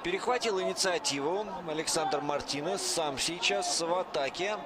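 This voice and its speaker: A man's voice: a little high, moderate pace. A man calling a combat sports bout live like a wrestling commentator, in short clipped play-by-play phrases. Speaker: MMA fight commentator. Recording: noisy arena with loud crowd. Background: loud crowd and clear background noise.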